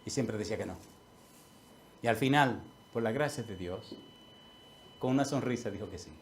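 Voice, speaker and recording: Emphatic older pastor preaching. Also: male voice, fairly low pitch, normal speed, slight background noise. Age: 60s. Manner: emphatic, swinging between loud declarations and hushed asides. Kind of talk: sermon with personal storytelling.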